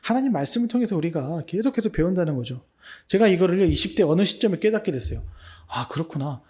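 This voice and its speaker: A male pastor preaching at a midweek prayer service, his voice a touch higher than most men's. He tells a personal story in an easy conversational way, asks the congregation rhetorical questions, and acts out the thoughts he had at the time. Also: lively intonation, fast, warm tone. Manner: anecdotal storytelling, acting out his own remembered thoughts.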